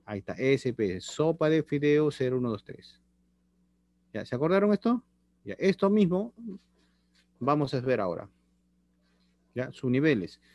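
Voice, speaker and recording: A middle-aged man teaches chemistry online from a small room, talking into his laptop webcam on a video call. He is very animated, speaks at a moderate pace with frequent pauses, and has a darkish, mid-range voice with no echo. He repeats phrases and checks on his students.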